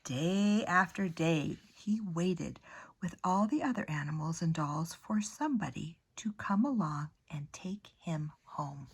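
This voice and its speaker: An older woman reading a children's picture book aloud, expressively, with pauses, as a grandmother talking to a young listener. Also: fairly low pitch, animated, breathy edge. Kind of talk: unhurried children's storybook read-aloud.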